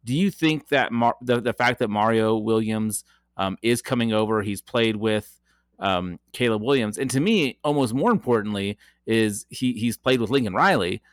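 A man's voice: on the low side, moderate pace, no echo, studio quality. A man co-hosting a podcast, chatting casually about football with frequent ums and restarts. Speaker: podcast co-host. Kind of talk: casual sports chat.

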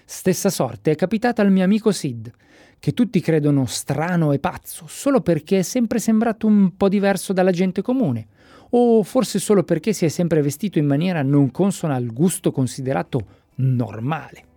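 A storyteller voicing a kindly male doctor and former professor who speaks calmly and reassuringly. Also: medium pitch, normal speed, no echo, clean studio sound. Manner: calm, reassuring speechmaking.

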